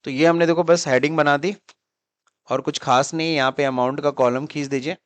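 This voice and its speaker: This accounting teacher from India has a voice on the high side, speaking fairly quickly with fairly even intonation. He mixes English terms into Hindi and repeatedly quizzes students while explaining in a classroom-style lecture. There's no echo.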